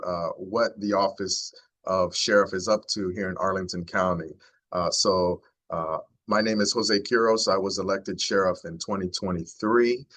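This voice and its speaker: A man's voice: lowish voice, a bit bright. A man in his forties, a county sheriff, giving an earnest, heartfelt talk to a neighborhood group. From United States. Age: 40s.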